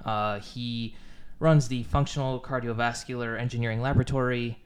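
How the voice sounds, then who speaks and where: A man's voice: medium pitch, fairly even intonation, normal speed, smooth. A man hosting a student podcast, reading the intro and then asking questions loosely with fillers. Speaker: podcast host, student interviewer.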